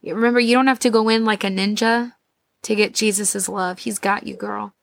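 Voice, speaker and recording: A woman's voice: medium pitch, steady tone, moderate pace, gravelly, a bit bright, no room sound. A woman giving a casual, chatty, slangy devotional talk as a podcast host, her voice thick and muffled from a swollen throat. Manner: chatty, slangy, addressing listeners as girls and guys.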